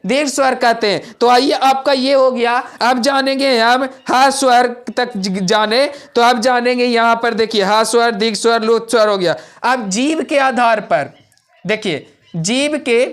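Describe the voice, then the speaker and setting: A man's voice: very high voice, fairly bright tone. A male teacher leading a grammar lesson, repeating each point again and again and quizzing his students. He stretches out vowel sounds to show how long they take. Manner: draws out vowel sounds in demonstration.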